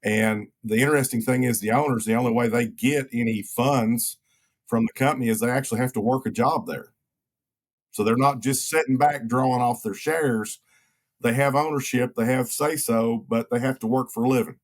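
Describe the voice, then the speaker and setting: Man, interview guest, engineer, measured, explanatory, conversational. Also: medium pitch, fairly even intonation.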